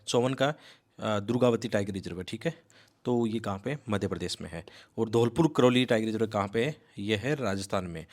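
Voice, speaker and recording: A man giving a rapid, emphatic exam-prep lecture, coaxing his students and mixing in English words. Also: mid-range voice. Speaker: civil service exam coaching teacher. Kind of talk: fast explanatory lecture.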